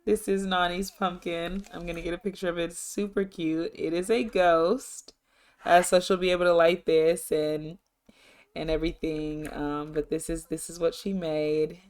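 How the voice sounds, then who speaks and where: Low-voiced woman narrating gameplay. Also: steady tone, normal speed, a little mellow. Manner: chatty and rambling, upbeat. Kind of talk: casual let's-play narration.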